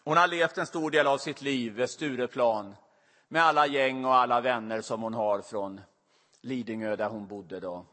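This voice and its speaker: A man's voice: medium pitch, bright, forceful tone. Middle-aged man preaching in a reverberant hall. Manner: confessional, emotionally rising storytelling. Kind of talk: personal storytelling sermon. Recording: long reverb of a large hall.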